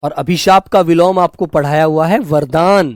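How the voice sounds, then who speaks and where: This young Hindi teacher, leading a live spelling class online, keeps a steady tone in a high, light, somewhat darkish voice. The sound is dry and close, with no room noise. Calling his students "beta" and "my children" with affection, he goes over every word slowly and repeatedly.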